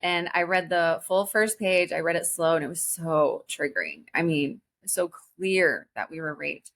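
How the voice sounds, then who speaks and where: A woman in her forties speaks as a podcast guest, telling her own story. She talks earnestly and haltingly, restarting her sentences often. Her voice sits a little low for a woman. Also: lively intonation, fairly bright tone. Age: 40s. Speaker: guest, spiritual teacher. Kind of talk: personal story in a podcast interview.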